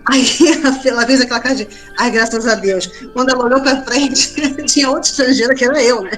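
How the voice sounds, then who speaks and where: A woman's voice: high voice, fairly even intonation, fast talker, a bit bright, faint music behind. A woman from Brazil, a podcast guest, chatting casually and telling stories with lots of tag questions. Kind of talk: casual interview chat.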